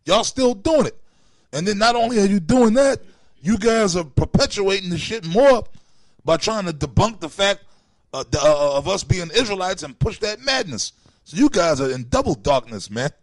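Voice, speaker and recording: A man's voice: high-pitched, expressive, normal speed, no room sound. A man in an open religious forum, reading scripture aloud and scolding his critics in a profane, confrontational way. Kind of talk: preaching, reading scripture with commentary.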